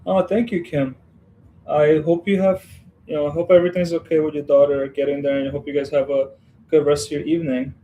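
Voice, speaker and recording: A man's voice: a little high, level tone, brisk, phone-quality sound, a little hiss or hum. A man from Western Ukraine hosting a casual building livestream, chatting and rambling with viewers as he works. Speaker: livestream host building a model set.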